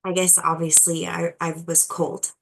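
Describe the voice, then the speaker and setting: A woman chatting casually to her channel, keeping quiet as if others are asleep nearby, rambling and trailing off mid-thought. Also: fairly low pitch, flat delivery, normal speed, creaky, a little hiss or hum. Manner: quiet, hushed talk so as not to wake people napping nearby. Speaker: channel host doing card readings. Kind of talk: casual chat.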